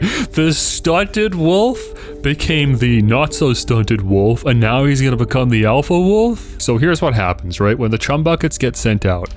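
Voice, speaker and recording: A man hosting a gaming video, thinking aloud in casual, reactive commentary. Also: medium pitch.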